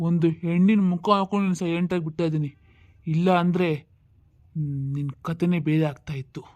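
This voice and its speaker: A woman's voice: fairly low pitch, fairly even intonation, brisk, mellow, dry recording, natural voice. A woman playing an angry older brother who threatens his sister's husband in a skit. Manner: threatening, reproachful. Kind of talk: comedy skit acting.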